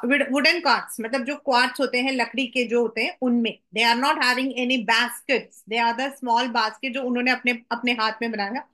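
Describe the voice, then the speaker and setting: A woman's voice: fairly high pitch, sharp tone. A woman English teacher explaining a poem line by line, mixing Hindi and English and asking rhetorical questions.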